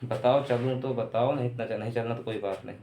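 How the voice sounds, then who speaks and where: A man's voice: mid-range voice, fairly even intonation, fast, warm tone. A man teaching an online chemistry lecture, going over points again and again and asking rhetorical questions with homely examples. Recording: echoey room.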